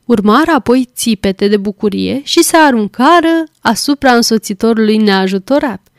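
A woman reading a classic tale aloud as an audiobook, measured and clear. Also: fairly high pitch, animated, no room sound, clean studio sound. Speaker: volunteer audiobook reader. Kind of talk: scripted audiobook narration.

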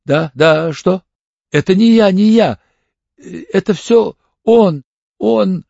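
A man's voice: high-pitched, takes it slowly, gravelly, mellow, dry recording, pitched above the performer's own voice, heavily acted. A male audiobook reader voicing a frightened, hysterical woman under arrest, panicked and pleading near tears. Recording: dull lo-fi audiobook recording.

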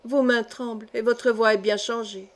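A woman reading a gentle, timid young noblewoman. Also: fairly high pitch, steady tone, moderate pace, close to an everyday voice. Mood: anxious. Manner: soft, timid. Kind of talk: audiobook character reading.

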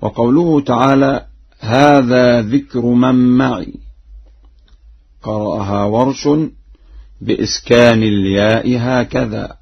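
رجل بطيء الإلقاء بصوت رتيب في بث إذاعي مكتوم. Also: male voice, medium pitch, steady tone, gravelly, slightly rough. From Egypt. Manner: measured formal explanation with short chanted verse recitations. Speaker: Quran recitation scholar. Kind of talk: broadcast religious lesson. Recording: muffled old radio broadcast.

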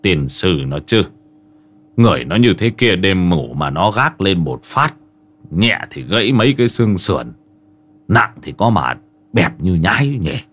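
A man's voice: medium pitch, sing-song, normal speed, fairly bright tone. Guy doing a cranky old uncle, blunt and bossy. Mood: gruff. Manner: scolding, blunt. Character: gruff irritable old uncle, man.

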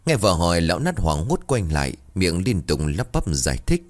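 Casting: male narrator for a ghost story, very deep voice, lively swinging delivery. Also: fairly quick.

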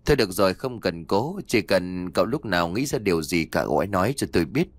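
Brief: man doing an old exorcist master, low voice, measured and instructive, dry close sound. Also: big pitch swings, dry recording. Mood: calm instructive. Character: old male exorcist master, calm and wise.

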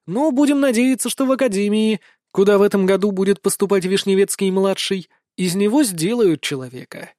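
A man's voice: high-pitched, a little fast, few pauses, a little mellow, no room sound, studio quality. A man reading a novel aloud as audiobook narrator. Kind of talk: scripted narration.

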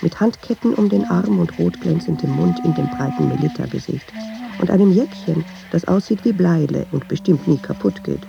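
Her fairly low voice carries vocal fry and lively intonation at a normal speed, captured in a muffled recording with music behind it. She plays a watchful, nervous woman in a radio drama, narrating her inner thoughts in an intimate, hesitant monologue that falls into half-whispers. The mood is watchful and musing.

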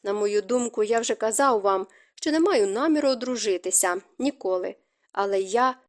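A woman's voice: medium pitch, animated, normal speed, lightly acted. Guarded young duke from an audiobook, curt and clipped, read by a woman.

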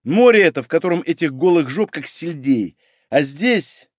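A man voicing a loud, coarse middle-aged female head doctor who barks and gossips. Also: on the high side, lively intonation, normal speed, no room sound, clean studio sound. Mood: scolding. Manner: coarse, bossy, barking.

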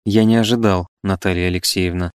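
An eloquent young idealist, wavering and ashamed, who pleads in earnest and then turns on himself, voiced by a man in a low, dry read. The voice sits low and close. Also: steady tone, brisk, clean tone, no echo, close to an everyday voice. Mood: pleading.

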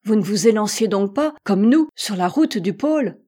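A stern polar sea captain speaking in a grave, solemn way, as a woman reader puts him on. The tone is mellow and measured. It is an audiobook of a classic adventure. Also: mid-range voice, lively intonation, lightly acted. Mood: urgent.

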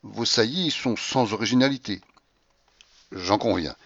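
A man narrating a classic novel as an audiobook, measured in pace, with a brooding first-person voice. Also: fairly low pitch, creaky, fairly bright tone, no echo, dull audio. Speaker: audiobook reader.

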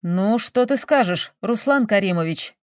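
A woman's voice: mid-range voice, animated, unhurried, dry recording, studio quality, close to an everyday voice. A woman reading a story, voicing a brusque, hot-tempered male police investigator who barks orders and questions. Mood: businesslike. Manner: barking, then coaxing.

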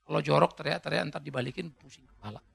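Male pastor, high gravelly voice, bright and sharp, lively sermon delivery. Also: fast talker. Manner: lively preaching with jokes and shouted climaxes.

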